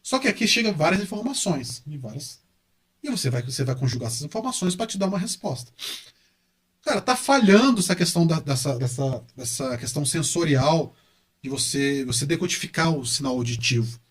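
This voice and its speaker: Animated Brazilian man with a higher voice. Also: brisk. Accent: Brazilian Portuguese. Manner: animated, repeats words for emphasis. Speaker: guest, university professor and engineer. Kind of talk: casual podcast interview.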